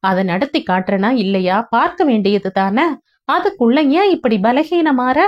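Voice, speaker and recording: A woman's voice: a little high, lively intonation, moderate pace, lo-fi sound, natural voice. Soothing young husband in an audio novel, patient and explaining, read by a woman narrator. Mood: reassuring. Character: gentle reassuring young husband.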